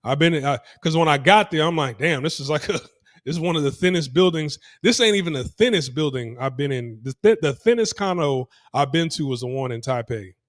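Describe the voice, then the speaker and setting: A native English-speaking vlogger talks casually to camera while walking city streets, rambling with many restarts and repeated phrases. His voice is a little high, animated and fairly quick, with clean, echo-free studio sound.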